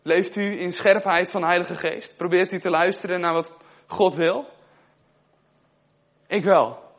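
A man's voice: high voice, steady tone, unhurried. A young man giving a sermon in a conversational way, asking his listeners questions and telling a personal story. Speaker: preacher.

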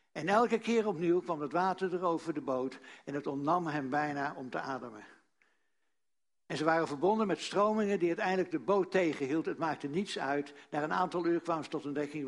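A man preaching a sermon, earnest, repeating key phrases and dropping to a hush for emphasis. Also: on the high side.

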